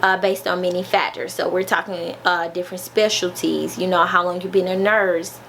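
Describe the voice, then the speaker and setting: A woman's voice: fairly low pitch, little pitch movement, moderate pace, vocal fry, fairly bright tone, slight background noise. Chatty woman nurse vlogging. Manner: chatty, filler-heavy, folksy. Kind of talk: casual informational vlog.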